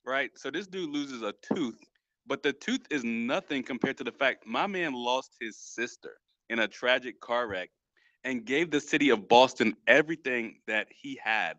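A man's voice: medium pitch, animated, moderate pace, fairly bright tone, no echo, dull audio. A man co-hosting a podcast, talking sports casually and with feeling, full of slang. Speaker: podcast co-host. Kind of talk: casual chat about sports.

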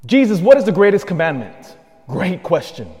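A man's voice: high voice, big pitch swings, normal speed, mellow, faint music behind. Male priest with cathedral echo. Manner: earnest preaching with emphatic repetition. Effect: long cathedral-like church echo. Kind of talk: gospel reading and homily. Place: large church. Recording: long echo of a large church.

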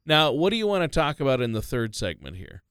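A man co-hosts a money show on talk radio, cheerfully summing up and handing questions over to the host. His voice is smooth and resonant, with a dry, close studio sound. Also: medium pitch, big pitch swings, a little fast, a bit bright, no echo. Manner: upbeat, recaps and sets up questions.

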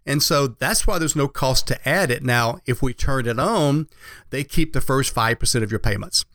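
A man's voice: medium pitch, moderate pace, fairly bright tone, no room sound, clean studio sound. A man working as a financial advisor explains things conversationally on a radio show, in a folksy way that checks in with the listener.

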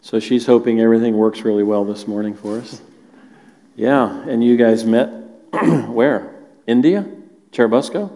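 A man's voice: medium pitch, normal speed, warm tone. A man hosting a church stage interview, friendly and joking as he questions his guests. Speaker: host and church elder. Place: church auditorium. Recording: reverberant hall.

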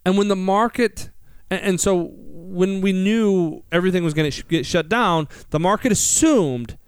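An American male talk host with a high, clear voice. He explains things conversationally, posing rhetorical questions and repeating words for emphasis, in a very dry studio sound. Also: moderate pace, dry recording. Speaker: financial radio show host.

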